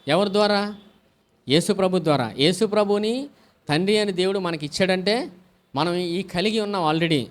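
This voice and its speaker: Man, pastor, sermon, high-pitched, call-and-response, frequent hallelujahs. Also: moderate pace, pauses often. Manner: asks the congregation questions and answers them himself.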